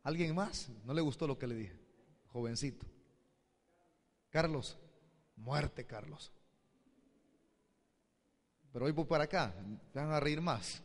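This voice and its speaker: A man's voice: fairly high pitch, normal speed, pauses often, big-room sound. A man pastor, preaching a sermon and addressing the congregation with questions. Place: church hall.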